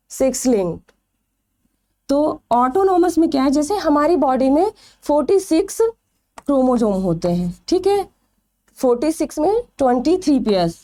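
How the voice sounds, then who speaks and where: A woman's voice: high voice, warm tone. A woman teaching a biology exam-prep lecture. She asks questions and answers them herself, stretching out the key terms.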